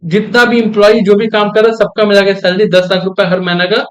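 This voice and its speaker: Young male lecturer, high pitch, drills terms, keeps asking students if it's clear. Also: little pitch movement, quick pace, fairly bright tone. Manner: asks the class frequent check questions; repeats key terms for emphasis. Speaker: commerce teacher. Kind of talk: classroom lecture.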